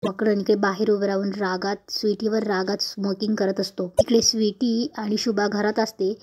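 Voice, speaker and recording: A woman narrates a serial episode in a casual recap, stringing scenes together plainly. Her voice is mellow and warm, with middling pitch. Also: flat delivery, moderate pace, breathy edge. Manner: plain storytelling, repeated "then she says" links.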